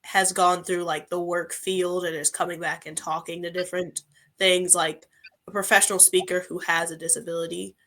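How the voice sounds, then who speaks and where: A young woman in her twenties hosts a casual interview, chatty and full of "like" fillers, and she gets lively when quoting others. Her voice sits on the low side at a moderate pace.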